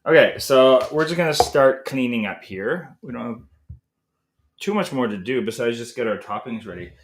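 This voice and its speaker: A man's voice: medium pitch, normal speed. A man hosting a live cooking stream from his home kitchen, talking casually and rambling as he works. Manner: chatty, rambling, self-correcting. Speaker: cooking show host. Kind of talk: casual live cook-along chat. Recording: echoey kitchen with noisy background.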